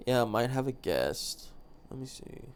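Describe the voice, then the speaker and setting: A man's voice: medium pitch, sing-song, measured pace, smooth. Stuffy-nosed man rambling casually. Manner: rambling, profane, laid-back. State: stuffy nose. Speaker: podcast host. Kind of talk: solo casual chat.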